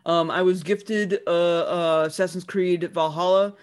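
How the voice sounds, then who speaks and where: A man's voice: high-pitched, fairly even intonation, measured pace, smooth. A man co-hosting a casual podcast, rambling and repeating himself as he talks about video games. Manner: rambling, repeats himself, acts out mock dialogue. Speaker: podcast co-host.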